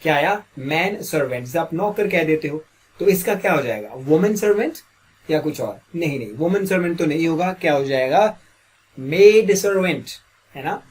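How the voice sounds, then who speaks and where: Teaching English grammar as a classroom lesson, a man quizzes his listeners by repeating questions. He frequently clears a slightly sore throat, speaking in a somewhat high, expressive voice at a moderate pace.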